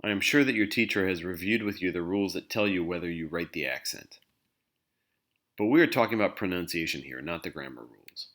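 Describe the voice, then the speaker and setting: Male language teacher, very low voice, patient scripted explainer. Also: brisk, a bit bright. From English-speaking country. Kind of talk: scripted instructional narration.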